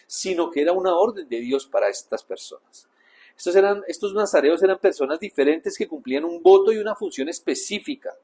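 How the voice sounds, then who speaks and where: A Colombian pastor preaches in church in a husky, slightly high voice. He talks to the congregation conversationally, jumping between loud emphasis and quiet asides. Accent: Colombian Spanish. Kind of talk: sermon.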